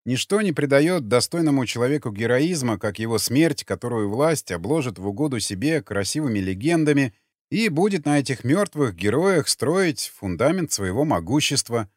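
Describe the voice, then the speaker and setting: A man narrating an audiobook in an expressive, dramatic way, close to the mic. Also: medium pitch, normal speed, dry recording. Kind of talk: scripted narration.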